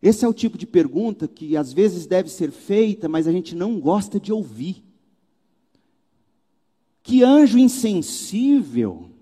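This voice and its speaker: Mellow-voiced pastor preaching in a hall. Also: male voice, high-pitched, moderate pace, hardly any pauses, breathy edge. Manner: animated, rhetorical questions and wry asides. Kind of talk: sermon. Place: church pulpit.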